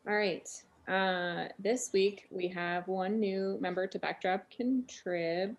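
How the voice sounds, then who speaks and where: A woman's voice: medium pitch, fairly even intonation, takes it slowly, dull audio. A woman hosting a weekly online developer meeting over a video call, upbeat and organized. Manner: upbeat, organized, thanks contributors. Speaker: meeting host.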